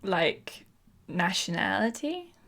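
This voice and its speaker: A woman's voice: mid-range voice, sing-song, slow pace, creaky, fairly bright tone. A woman co-hosting a podcast, chatting casually and playfully with lots of ums and laughter. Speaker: podcast co-host. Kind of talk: casual chat.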